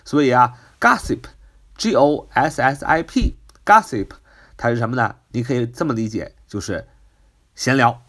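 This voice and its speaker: A man's voice: expressive, measured pace, a bit bright. A man teaching English vocabulary, spelling words out letter by letter and explaining them in Mandarin. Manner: rises in pitch on questions. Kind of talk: vocabulary lesson.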